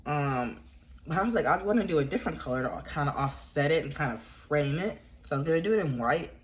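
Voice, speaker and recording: Low, expressive and fast, a woman congested from a cold chats from home with her viewers. As a yarn crafting vlogger she talks crochet in a rambling, stuffy-voiced way, with plenty of fillers and restarts.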